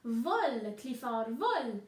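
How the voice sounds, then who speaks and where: A woman's voice: high-pitched, lively intonation, slow, reverberant. Chirpy little bird, as a woman reader puts it on. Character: small chirpy bird friend, playful. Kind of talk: picture book read-aloud.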